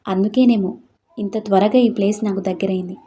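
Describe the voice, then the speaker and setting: A woman voicing a quiet, troubled young man who speaks calmly in a storybook reading. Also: medium pitch, a little fast, close to an everyday voice. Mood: wistful.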